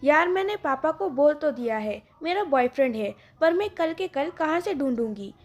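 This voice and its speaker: A woman's voice: high-pitched, animated, normal speed. A woman voicing a defiant young woman, the daughter of a rich father, who complains and schemes. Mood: scheming.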